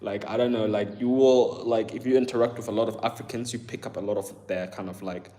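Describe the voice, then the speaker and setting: Speaking a little fast in a lowish, dark voice with fairly even intonation, the livestream host rambles casually to viewers. He uses plenty of fillers, calls chat "bro," and has an accent combining Southern English, German and Ghanaian.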